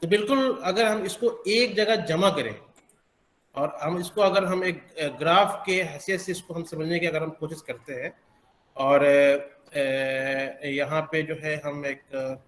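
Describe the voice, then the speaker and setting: A man teaching English pronunciation, explaining slowly with many hesitant pauses. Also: a little high, a bit bright, roomy sound. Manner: slow, halting, many filler pauses. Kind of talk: explanatory classroom lesson.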